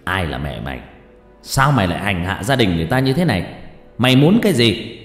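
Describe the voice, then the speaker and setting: A man voicing an old village exorcist, speaking slowly and solemnly. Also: on the low side, big pitch swings, echoey room, big-room sound, soft background music. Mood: stern. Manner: slow, heavy, solemn.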